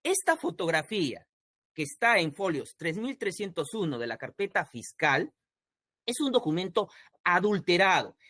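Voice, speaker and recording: A man's voice: high voice, a bit bright, no room sound, clean studio sound. A man with a Peruvian accent arguing his own petition at a court hearing, formal and insistent, repeatedly deferring to the judge. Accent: Peruvian Spanish. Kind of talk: formal legal argument in a hearing.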